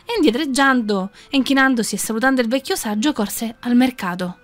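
Una donna alla conduzione di una radio cristiana narra una storia con vivacità. La voce è un po' alta e sotto le parole scorre una musica tenue. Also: female voice, a little high, fairly quick, over music. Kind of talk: storytelling narration.

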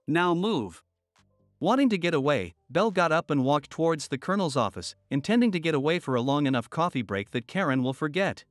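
Man, scripted story narration, dry booth sound, slightly high pitch, faint music behind. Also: animated, fast, hardly any pauses, no echo.

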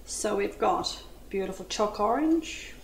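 Speaking with a somewhat creaky, mid-range voice, slightly slow but lively in intonation, an Australian woman in middle age walks viewers through a dessert recipe at home. She's chatty and keen, addresses her audience as ladies, and the kitchen sounds echoey with faint noise.

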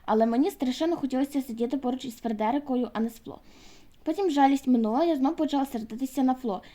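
High-voiced woman reading a children's book. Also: fast, warm tone, slight background noise. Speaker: audiobook reader.

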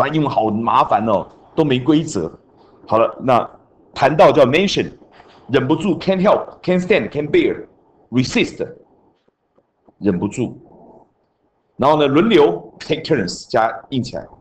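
A male teacher lectures a class, and his pitch swings up and down a lot. He chants grammar rules like mnemonics, with a faint hum of the classroom behind him. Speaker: junior high English teacher.

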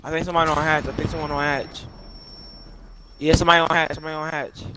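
A young man teases his friends and repeats callouts as they play together. His voice sits a little high. There is clear background noise on his headset line. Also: level tone, quick pace. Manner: goofy, repetitive callouts, loud teasing. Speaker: teammate. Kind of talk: casual gaming chat.

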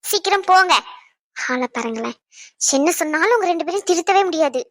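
A bossy young wife in a cartoon who scolds and teases without pause, as a woman voices her. Her voice is very high and sharp-tongued. The sound is close and dry. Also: expressive, dry recording. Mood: scolding. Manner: scolding, teasing. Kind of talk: cartoon voice acting.

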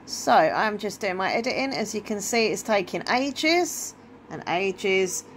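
A woman's voice: medium pitch, animated, a little slow. A woman with an Essex accent in her thirties, chatting casually in a rambling, informal vlog with trailing thoughts. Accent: Essex English. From Essex, England. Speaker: vlogger. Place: indoors at home, bedroom. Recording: clear background room noise, handheld home recording.

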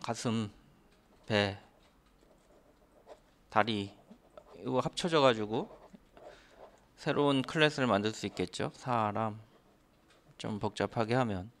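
A man's voice: lowish voice, takes it slowly, long pauses, fairly bright tone, slight background noise. A man teaching a programming class step by step, asking the listener rhetorical questions as he explains. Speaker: programming instructor. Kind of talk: screen-recorded coding lecture.

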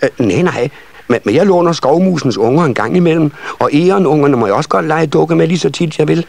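A man reading a children's story and voicing a bunch of excited little elf children in a shrill, eager voice. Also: vocal fry, no echo. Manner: shrill, eager, tumbling over each other.

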